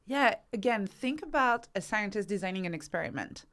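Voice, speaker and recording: A woman with a medium-pitched, fairly bright voice speaks briskly with lively intonation. As a podcast guest, researcher and author, she gives instructive interview answers, teaching through rhetorical questions and acted-out examples.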